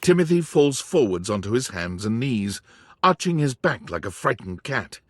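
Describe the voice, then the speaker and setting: A man giving scripted narration in a video game, soft and storytelling. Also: medium pitch, sing-song, normal speed, no echo, clean studio sound.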